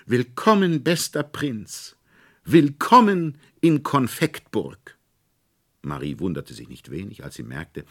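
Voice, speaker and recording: Man, very deep voice, fairy tale audiobook, expressive lilting narration. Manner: expressive, lilting storytelling with dramatic slowdowns.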